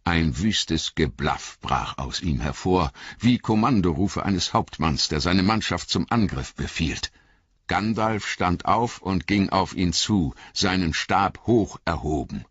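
Deep, husky male storyteller. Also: animated, takes it slowly, a bit bright, dry recording, muffled recording. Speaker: audiobook narrator. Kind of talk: scripted narration.

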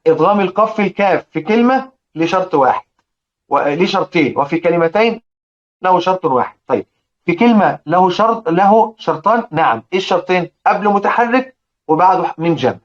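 A man with an Egyptian Arabic accent teaching Quran recitation, slowly repeating example words and often checking that his listeners follow. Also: high voice, expressive. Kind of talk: explaining lesson with recited examples. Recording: dull lo-fi recording.

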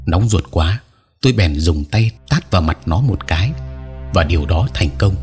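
A man narrating a horror story as an audiobook reader, telling it in the first person with steady, measured delivery. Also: low-pitched, soft background music.

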